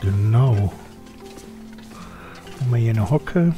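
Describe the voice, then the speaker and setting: A man's voice: medium pitch, animated, slow pace, music in the background. An older man gives chatty live game commentary, muttering to himself and grumbling at his character. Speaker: let's play streamer.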